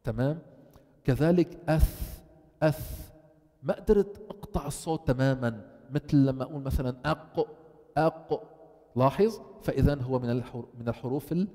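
Man, tajweed teacher, dark tone, reverberant hall, asks and answers his own questions. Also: medium pitch, fast. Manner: explains, then asks the class questions and answers them. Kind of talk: classroom lesson, switching between English and Arabic.

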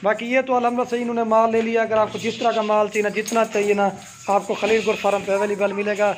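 A man's voice: sits high, completely flat delivery. A middle-aged man with a Punjabi Pakistani accent who hosts a casual goat farm sales video, talking in a chatty, repetitive, promotional way. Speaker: goat farm owner and host. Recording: loud farm noise behind.

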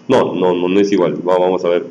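Man, programming instructor, low mellow voice, casual tag questions, echoey classroom. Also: flat delivery, a little fast, dull audio. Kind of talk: live coding lesson. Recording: roomy echoey room.

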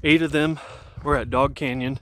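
A thirtysomething man vlogs his hike, walking downhill outdoors with the camera held at arm's length. He talks at a moderate pace in a mid-range voice, easygoing and rambling with fillers and restarts, amid slight background noise.

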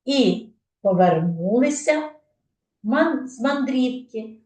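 A woman teaching young children, speaking slowly in a sing-song way and stressing syllables carefully. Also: a little high, lively intonation, darkish tone. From Ukraine. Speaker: kindergarten teacher. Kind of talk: slow, clear lesson for young children. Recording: echoey room, mic far off.

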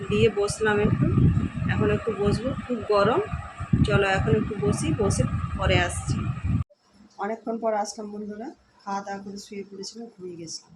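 Housewife vlogger from India, chatty chore commentary, worn out by heat, mid pitch, noisy home phone audio. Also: female voice. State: hot and tired. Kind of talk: casual daily vlog chat. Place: home kitchen and rooms.

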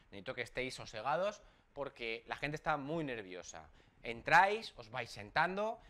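A man with a Spain Spanish accent giving a humorous pep talk to exam students as their tutor, lively and casual, with jokey swearing. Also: fairly high pitch.

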